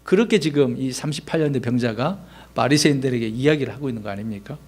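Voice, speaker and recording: A pastor with a mid-range voice talks fast, preaching his sermon conversationally. He poses rhetorical questions to the congregation and acts out the lines he quotes.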